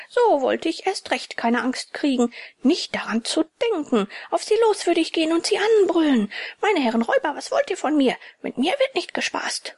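A woman's voice: no echo, clean studio sound. A woman reading an audiobook, voicing a boastful young wooden puppet boy in a raised voice. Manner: cocky, excited, high-pitched.

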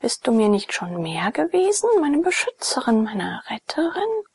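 A woman reading as a gentle noble young lady. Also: on the high side, very animated, normal speed, husky, dry recording, full character voice. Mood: tender.

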